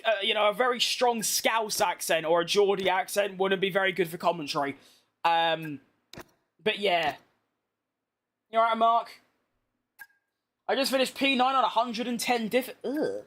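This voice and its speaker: A tired British man, awake all day, streams a racing game and chats casually, rambling in a self-deprecating way. His high-pitched, a bit bright voice has lively intonation and a moderate pace, with frequent pauses.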